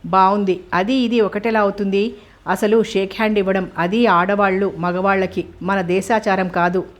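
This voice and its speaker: A woman's voice: mid-range voice, fairly even intonation, moderate pace, close to an everyday voice. A woman narrator voicing a shy, timid young woman raised in a village who speaks hesitantly and anxiously. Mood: defensive.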